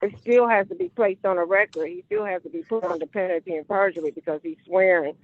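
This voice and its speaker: A woman's voice: medium pitch, animated, quick pace. A woman speaking in court as a defendant on a phone-line hearing recording, insistent and repeating her objections and questions. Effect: courtroom hearing recording over a phone-like line. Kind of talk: argumentative courtroom exchange.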